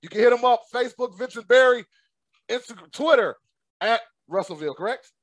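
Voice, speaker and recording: A man's voice: very high voice, animated, fairly quick, a bit bright, no echo. A male podcast host chatting with a guest in a hyped, upbeat, slangy way, laughing often. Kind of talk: casual interview chat.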